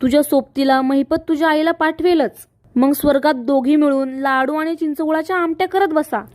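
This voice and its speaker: A woman's voice: sits high, moderate pace, a little mellow, no echo, studio quality, natural voice. A woman voicing a scheming young woman who coaxes her family and plots in secret. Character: scheming young woman, sweet outside, spiteful inside.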